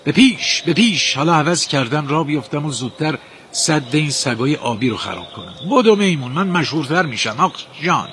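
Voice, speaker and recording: A man voicing a vain, boastful wolf king who shouts orders. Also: mid-range voice, lively intonation, slight background noise, natural voice. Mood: gleeful.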